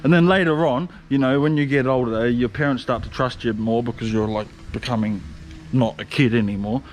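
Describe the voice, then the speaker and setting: A man's voice: mid-range voice, steady tone, a little fast, soft background music. A young man telling stories in a casual, slangy vlog, swearing and laughing often. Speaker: vlogger. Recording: faint background noise.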